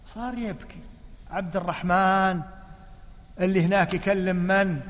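High-voiced preacher in a reverberant hall. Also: male voice, fairly even intonation, moderate pace, a bit bright. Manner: emotive, fires rhetorical questions at the audience. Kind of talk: sermon storytelling.

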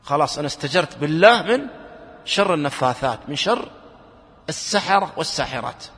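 Guy giving a sermon, high bright voice, lots of questions to the crowd, long echo of a hall. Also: animated, brisk. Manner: earnest, asks the listeners many questions. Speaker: preacher.

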